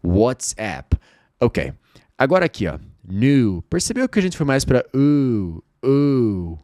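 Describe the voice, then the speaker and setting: A Brazilian man with Portuguese as his first language, teaching an online English lesson and drilling phrases slowly with repetition. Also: medium pitch, dry recording, studio quality. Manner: lively, drills phrases slowly and repeats them.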